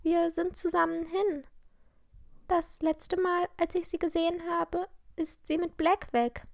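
Woman voicing a teenage head girl, high bright voice, urgent, bossy, dry close sound. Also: level tone, a little slow, creaky, dry recording, full character voice. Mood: worried. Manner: urgent, commanding.

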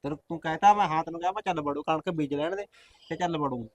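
A man's voice: a little high, lightly acted. A man with a Punjabi accent playing a brusque young farmer husband who waves off his wife's wishes. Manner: brusque, grumbling, quick. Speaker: actor in a short film. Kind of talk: village short-film acting.

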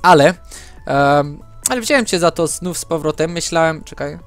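A man's voice: a little high, moderate pace, dry recording, soft background music. A young man hosting a gaming channel, rambling through a story in casual chat with lots of fillers while he plays.

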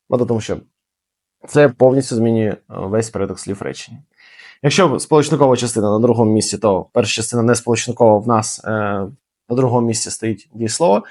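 A young man teaching German in a casual video lesson, explaining quickly and lively, with fillers and emphatic repeats. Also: medium pitch.

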